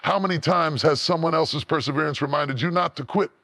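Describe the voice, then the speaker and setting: A man's voice: a little high, brisk, sharp tone, no echo, clean studio sound. A man delivering a scripted motivational speech as a motivational speaker, earnest and emphatic, building through preacher-like repetition.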